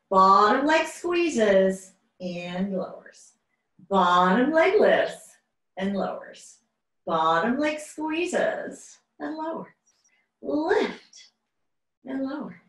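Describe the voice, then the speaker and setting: A woman Pilates instructor leading a home workout class over a video call, counting down reps with slow, drawn-out cues. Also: fairly high pitch, distant mic. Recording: echoey room, voice off-mic.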